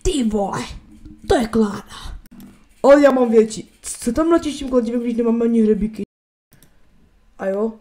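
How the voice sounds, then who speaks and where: A woman's voice: fairly high pitch, long pauses, mellow, slight background noise, lightly acted. A woman voicing a bumbling, crude male handyman in a comedic fan dub, swearing and bickering.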